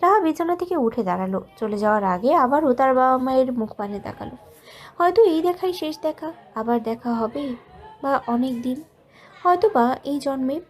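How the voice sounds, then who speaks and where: Sex: woman. Role: story narrator. Style: scripted narration. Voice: high. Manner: soft, measured, emotional. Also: lively intonation.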